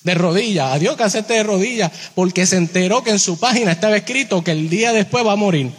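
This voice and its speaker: Male preacher, high voice, sermon delivered direct to the congregation, slows on key phrases, long hall echo. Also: husky. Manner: addresses listeners directly with rhetorical questions; slows down on key phrases, shifts pitch a lot.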